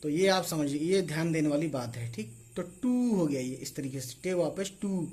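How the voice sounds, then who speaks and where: A man with a high, light voice runs a casual online lesson, spelling out letters one by one. He keeps checking in after each small point in a steady teaching rhythm. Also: moderate pace. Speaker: Urdu teacher.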